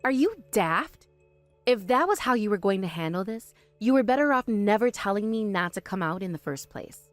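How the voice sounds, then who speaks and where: A woman voicing a calm, sharp-tongued young woman in an animated story, speaking firmly and with dry exasperation. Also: mid-range voice, moderate pace, dry recording, soft background music, natural voice.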